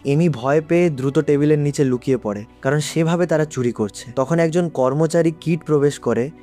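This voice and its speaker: A man narrating a drama recap in a steady, scripted storytelling manner. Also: a little high, moderate pace, faint music behind.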